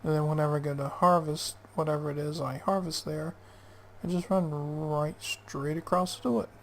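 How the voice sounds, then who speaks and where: A man's voice: fairly high pitch, steady tone, normal speed, slight background noise. A man casually talking through his gameplay, muttering to himself and often dropping to a near whisper. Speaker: gaming channel host.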